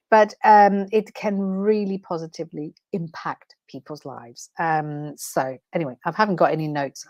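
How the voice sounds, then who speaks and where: Her voice sits low with a darkish tone and no echo. A Danish-accented transformation coach, she speaks off the cuff on her debut livestream, slightly nervous yet passionate, using fillers and correcting herself.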